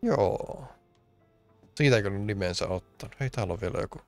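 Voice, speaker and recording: A man from Finland streams a game and talks in a casual, rambling way, full of jokes and grumbles. His voice is low and gravelly, with plenty of fry. Faint game music plays behind him. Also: animated, darkish tone. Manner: rambling, joking, complaining. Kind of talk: casual let's-play commentary.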